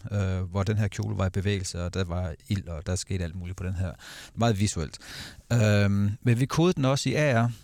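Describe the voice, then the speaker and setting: Low male panel guest, halting delivery with lots of fillers, dry close mic. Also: a little mellow, dry recording. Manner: hesitant, many fillers and restarts. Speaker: guest speaker. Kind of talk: casual panel talk.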